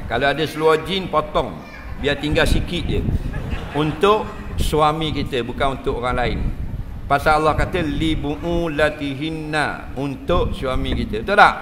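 A man giving a humorous religious lecture in a mosque, often checking whether listeners understand. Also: fairly high pitch. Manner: jokey, keeps asking the crowd if they understand. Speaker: Islamic religious teacher. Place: large mosque hall. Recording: reverberant mosque hall, faint noise.

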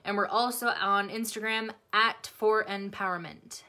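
A woman tutoring nursing exam students on a live stream, bubbly and excitable, chatting and answering viewers' comments. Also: mid-range voice, a little slow. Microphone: phone or webcam, livestream.

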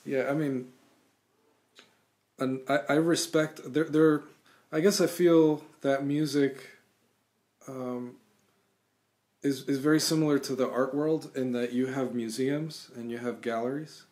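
A man in his thirties, born in Cuba, answering interview questions thoughtfully over a video call from a small room at home, with frequent pauses and restarts. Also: medium pitch, steady tone, darkish tone. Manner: thoughtful, halting, many restarts and fillers. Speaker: guest musician. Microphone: webcam on video call.

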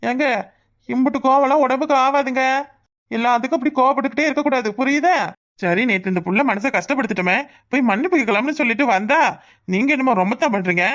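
This is a woman's high, slightly bright voice at a quick pace. In a cartoon she plays a persistent village bachelor, cheeky and balding, who teases while wooing, delivered in a southern Tamil accent.

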